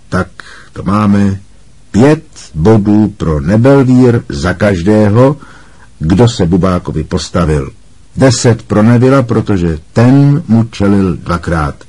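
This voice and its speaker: A man voicing a calm, kindly male teacher who praises and instructs his class. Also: on the low side, slightly rough. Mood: warm praising.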